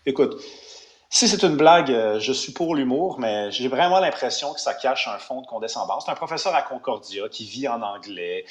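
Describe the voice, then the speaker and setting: A man's voice: medium pitch, lively intonation, moderate pace, roomy sound. A man with a Quebec French accent, giving emphatic opinions as a radio commentator, with many restarts and fillers.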